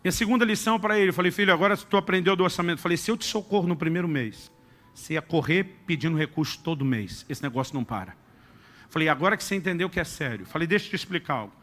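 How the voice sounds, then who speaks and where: A middle-aged man preaching a sermon, telling a family story with acted-out dialogue and shifts to a soft, intimate tone. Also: a little high, very fast. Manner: animated storyteller acting out dialogue, dropping to soft intimate tones. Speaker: pastor.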